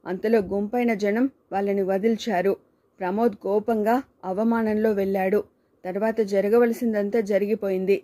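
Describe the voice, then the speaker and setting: A woman's voice: mid-range voice, fairly even intonation, normal speed, dark tone. A woman reading a short story aloud as narrator, giving the dialogue light changes of tone.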